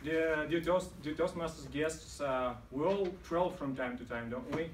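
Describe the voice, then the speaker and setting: A man giving a storytelling speech at a club meeting, halting often with fillers. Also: fairly high pitch, heavy background noise. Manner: hesitant, many fillers. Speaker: club speaker. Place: meeting room. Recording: roomy hall, mic far off.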